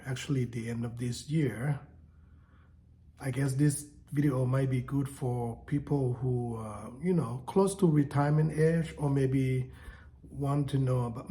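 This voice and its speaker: A man in his fifties, from Thailand, talking casually and haltingly to camera from home about his coming retirement, with many fillers and restarts. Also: mid-range voice, mellow. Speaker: vlogger. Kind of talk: casual unscripted talk to camera.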